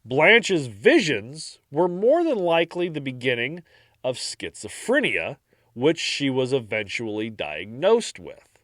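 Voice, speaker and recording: A man co-hosting a podcast, reading out a dark history story in a casual, jokey way. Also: medium pitch, wildly swooping pitch, measured pace, no echo, clean studio sound. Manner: jokey, breaks into silly voices and laughs. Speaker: podcast co-host narrating history.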